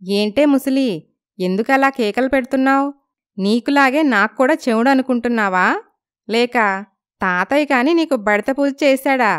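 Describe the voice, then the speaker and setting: A woman's voice: high-pitched, moderate pace, clean tone. A woman voicing a cheeky, playful young bride-to-be who talks back to an old neighbor. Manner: cheeky, sharp-tongued, playful. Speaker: voices young heroine.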